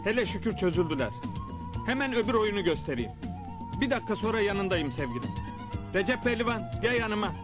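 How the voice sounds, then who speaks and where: Earnest stubborn reporter in his forties, high voice, emphatic, comedy film dialogue, faint music. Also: animated, brisk, dull audio. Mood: instructing. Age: 40s. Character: earnest, stubborn newspaper reporter among villagers.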